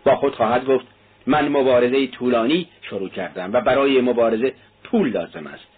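A man's voice: mid-range voice, breathy edge, close to an everyday voice. A man voicing a shrewd probing magistrate. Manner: probing, measured. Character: shrewd middle-aged male magistrate, probing. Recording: tinny narrow-band audio.

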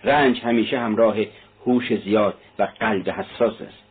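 A man's voice: lowish voice, fairly even intonation, slightly rough. A man reading the part of a defiant young male student who argues in cutting lines. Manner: argumentative, cutting. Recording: tinny narrow-band audio.

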